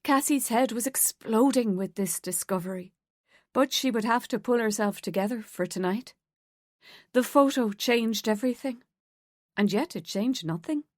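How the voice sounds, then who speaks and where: Female narrator, measured audiobook delivery, dry booth sound. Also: fairly high pitch, dry recording. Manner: steady, measured storytelling. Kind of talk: scripted narration.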